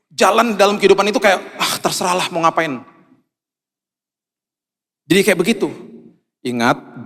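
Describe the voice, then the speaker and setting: A male pastor delivering a sermon, telling a story animatedly and slipping in English words. His voice sits in a mid range. A long church reverb trails behind every phrase. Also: mid-range voice. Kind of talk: sermon with personal anecdote.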